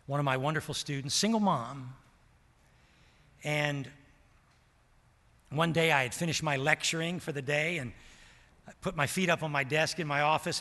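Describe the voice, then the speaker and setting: An older man preaching a sermon, telling a story with passion and swinging from loud to hushed. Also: on the high side. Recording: long reverb of a large hall.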